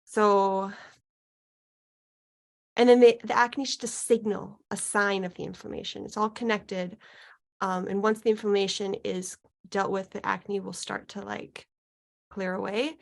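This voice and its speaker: A woman with a noticeably creaky, mid-pitched voice works as a mystical healer. She thinks aloud haltingly as she guides a client through a session, pausing as she searches for words. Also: steady tone. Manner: slow, halting, searching delivery with long pauses, like a mystical healer. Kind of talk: unscripted guided healing session, musing aloud.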